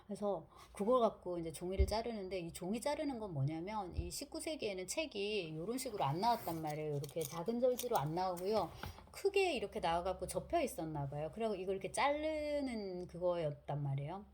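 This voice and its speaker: A woman's voice: mid-range voice, a little fast, a little hiss or hum. A woman lecturing on literature in a casual, chatty way. She tells the story with energy and acts out the characters' lines. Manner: lively storytelling, acting out quotes.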